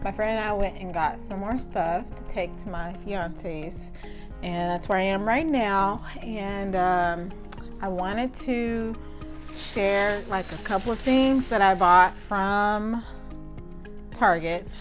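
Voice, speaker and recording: A woman's voice: medium pitch, slow, music in the background. A young woman with a Southern accent, chatting casually and rambling as a teacher vlogger. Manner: chatty, rambling, many "like"s and restarts. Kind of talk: casual vlog chat.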